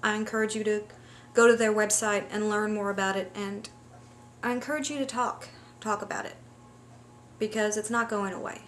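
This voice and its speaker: A woman's voice: medium pitch, steady tone, moderate pace, slight background noise. A woman vlogger talking casually to camera in a personal, unscripted way.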